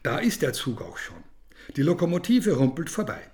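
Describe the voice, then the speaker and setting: A man narrating a children's story in an expressive, storytelling manner. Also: a little high, moderate pace.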